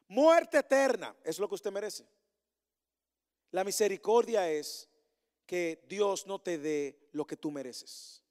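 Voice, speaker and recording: A man with a high, smooth voice preaches to his congregation as their pastor, leaning on repetitive rhetorical refrains and questions aimed at the crowd, alternating emphatic calls with gentle, earnest asides. The church meeting hall lends the recording a long reverb.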